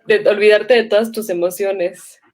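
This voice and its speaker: A woman teacher in a casual conversation, animated and quick to laugh, speaking. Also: medium pitch. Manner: animated, laughs often, quotes people.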